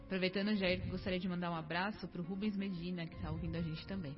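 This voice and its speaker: Woman radio co-host over soft music. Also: on the low side, steady tone, fast talker. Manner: friendly, reads listener greetings and questions. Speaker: radio co-host reading listener messages. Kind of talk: radio program hosting. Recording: muffled radio with music bed.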